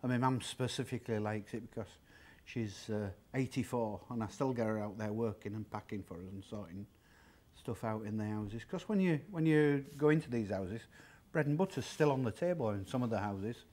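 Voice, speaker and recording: A man's voice: lowish voice, normal speed, darkish tone. A man in his fifties who owns a secondhand shop, speaking in an interview and talking plainly through the prices of old items. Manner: chatty, plain-spoken, explains prices step by step. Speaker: warehouse shop owner. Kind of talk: interview and object demonstration. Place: large indoor secondhand furniture warehouse.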